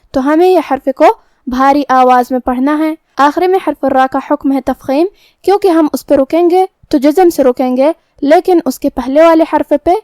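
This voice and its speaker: A woman teaching Quran recitation rules, explaining each letter step by step and reciting verses very slowly. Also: high voice, darkish tone, no echo. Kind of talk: tajweed lesson with slow recitation.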